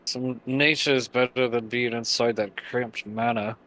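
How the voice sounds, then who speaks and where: A man's voice: mid-range voice, steady tone, unhurried, a bit bright. A man playing a tabletop game, casually narrating what his character does.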